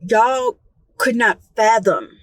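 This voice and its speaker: A woman's voice: a little high, takes it slowly, dry recording, low-quality recording. A young woman telling a casual, profane story from her own life, acting out what people said with gasps and whispers. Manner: animated, profane, acts out quotes with gasps and whispers. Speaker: storytime vlogger. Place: Florida.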